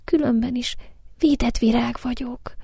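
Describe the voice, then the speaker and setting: Egy nő, aki egy apró, félénk, könyörgő hóvirágot szólaltat meg halk, lehelletszerű hangon, mesében. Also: female voice, mid-range voice, steady tone, no echo, clean studio sound. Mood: pleading. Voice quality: soft, hushed, breathy. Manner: pleading, then proud. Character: tiny shy pleading female snowdrop flower.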